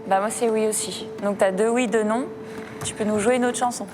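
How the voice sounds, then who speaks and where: A woman's voice: on the high side, steady tone, a little fast, music in the background. A woman serving as a talent show judge, questioning a contestant and giving a friendly, laughing verdict. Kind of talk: interviewing and judging. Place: audition room.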